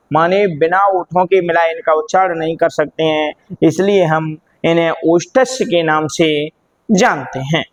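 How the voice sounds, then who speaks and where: A man with a fairly high voice teaches Hindi grammar at a slow, patient pace. He drills the letters aloud one at a time and keeps posing questions to his students, then answering them himself, calling the listeners children as he goes. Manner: drills sounds aloud, asks and answers own questions, calls listeners "beta". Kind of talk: classroom lesson.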